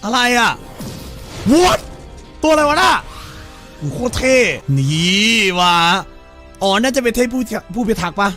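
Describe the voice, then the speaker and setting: A man's voice: very high voice, sing-song, measured pace, bright, forceful tone, soft background music. A man streaming a game, joking crudely and putting on silly voices for the characters. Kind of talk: let's-play commentary.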